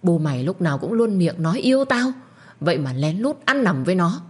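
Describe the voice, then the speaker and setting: A woman voicing a violent older lord in an audio story, hissing and ranting loud threats. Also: on the low side, sing-song, brisk, husky, full character voice. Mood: enraged. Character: older male lord, violent, enraged, ruthless.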